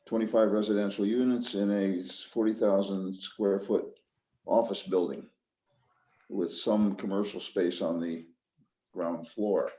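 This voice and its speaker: A man's voice: lowish voice, steady tone, measured pace, warm tone. A man chairing a public meeting as board chair, speaking in a businesslike, procedural way. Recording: roomy, echoey meeting audio.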